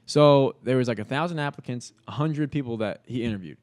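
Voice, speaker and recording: Young guy on a podcast talking fast, slangy, lots of like and bro, swears a ton. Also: mid-range voice. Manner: slangy and animated, heavy filler words and swearing. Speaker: guest. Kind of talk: casual storytelling.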